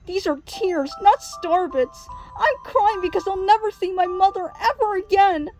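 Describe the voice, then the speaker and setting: Brief: a woman playing a caring little girl from a storybook, earnest and bright, high voice, music behind. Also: sing-song, normal speed. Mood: sad.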